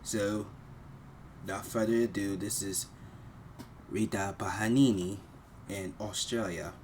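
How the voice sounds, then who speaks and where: A man's voice: fairly low pitch, steady tone, measured pace, a little mellow, slight background noise. A man hosting a reaction video, talking bluntly and mockingly in casual commentary. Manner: blunt, mocking, repeats himself.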